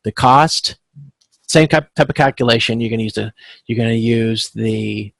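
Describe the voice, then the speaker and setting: A man with a creaky voice in the middle range teaches a supply chain class at normal speed, leading an informal step-by-step tutorial over a video call. Explaining carefully, he checks in with "okay" again and again, and the audio is close and dry with no room sound.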